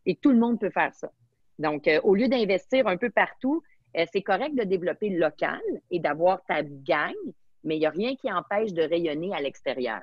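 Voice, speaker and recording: A woman's voice: lowish voice, lively intonation, normal speed, dry recording. Enthusiastic Québécoise woman on a dull video call. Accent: Québécois French. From Quebec. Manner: enthusiastic, mixes in English words. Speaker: guest speaker. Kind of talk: webinar interview.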